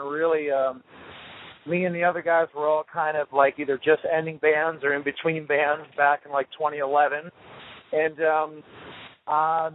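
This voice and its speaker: Man rambling over a tinny phone line. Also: fairly high pitch. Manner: relaxed, rambling, many fillers. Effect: heard over a phone line. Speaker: touring rock band member interviewed as guest. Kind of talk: casual phone interview. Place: tour RV on the road.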